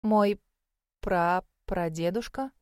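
A woman's voice: medium pitch, lively intonation, normal speed, darkish tone, no room sound, clean studio sound, natural voice. Young female applicant, voiced by the narrator: firm, clipped, guarded.

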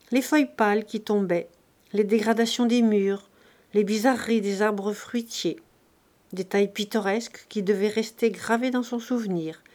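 A woman reading a classic novel aloud as an audiobook, in a steady, measured way. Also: medium pitch. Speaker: audiobook reader. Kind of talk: scripted narration of a classic novel.

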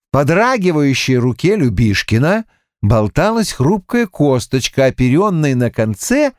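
A man narrating a classic novel as an audiobook with an expressive storytelling cadence. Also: mid-range voice, dry recording, studio quality. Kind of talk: scripted literary narration.

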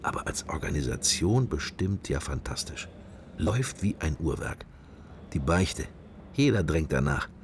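An actor gives a full character voice, extremely low and sing-song, and unhurried, to a middle-aged man's interior monologue in a radio drama. Silently observing church, the wry, worldly sceptic murmurs his musings in fragmentary, associative pieces. There's slight background noise.

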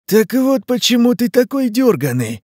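A man's voice: extremely high pitch, sing-song, moderate pace, darkish tone, no room sound, studio quality, pitched above the performer's own voice, exaggerated voice. A man voicing a furious, foul-mouthed male forest monster that snarls curses and threats.

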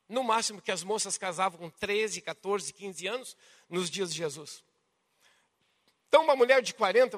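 A man with a Brazilian Portuguese accent preaching a sermon to his congregation, swinging dramatically between loud, emphatic passages and hushed ones. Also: very high-pitched. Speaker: pastor. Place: church hall. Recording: long reverb of a church hall.

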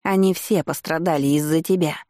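A woman's voice: deep voice, steady tone, fairly quick, warm tone, no echo, clean studio sound, close to an everyday voice. A woman voicing a sneering jealous witch. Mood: accusing. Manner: accusing, sneering. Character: furious jealous young aristocratic witch woman. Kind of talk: audiobook character voice.

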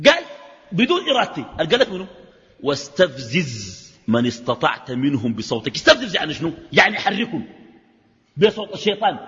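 A middle-aged man with a Sudanese Arabic accent gives a colloquial religious lecture and keeps firing rhetorical questions at his listeners. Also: high-pitched. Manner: animated, fires rhetorical questions at the audience. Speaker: sheikh giving a religious lecture. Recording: reverberant hall, dull lo-fi sound.

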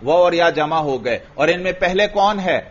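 A man teaching an Arabic grammar lesson to a class. He asks his students questions, answers them himself and repeats the key words. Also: on the high side. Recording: dull lo-fi lecture recording.

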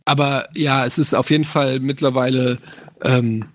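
A man's voice: medium pitch, steady tone, moderate pace, dry recording. A man in his thirties chatting casually as a streamer, slightly nasal, rambling with many fillers. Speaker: streamer answering questions. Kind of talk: casual chat.

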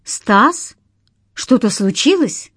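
A woman voices a level-headed male detective in the audiobook, giving short, steady instructions. Her tone stays even and unhurried, close and dry with nothing around it. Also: on the high side, slightly rough, dry recording, pitched above the performer's own voice, exaggerated voice. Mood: calm. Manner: calm, clipped commands.

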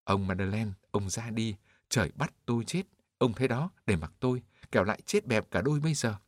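A man's voice: lowish voice, fairly quick, no echo, studio quality, lightly acted. A man voicing a desperate old man trapped under a cart in an audiobook, crying out in a raised voice. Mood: resigned. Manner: wailing, desperate cries.

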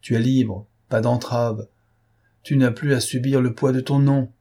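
A man's voice: medium pitch, fairly even intonation, unhurried, warm tone, husky. A man voicing an imperious domineering noble. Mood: emphatic. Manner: emphatic, ironic, imperious. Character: commanding noble master, proud, domineering man.

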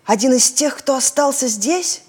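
Woman doing a gentle thoughtful cow. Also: high-pitched, expressive, normal speed, breathy edge, pitched above the performer's own voice. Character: gentle, sighing grown-up female cow.

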